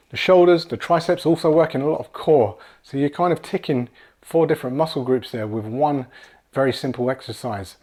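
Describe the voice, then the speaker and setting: A man's voice: medium pitch, a little mellow. A man in his forties giving a casual, encouraging home workout lesson, often repeating words as he demonstrates exercises in a small room at home. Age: 40s. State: slightly out of breath at times. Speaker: fitness coach.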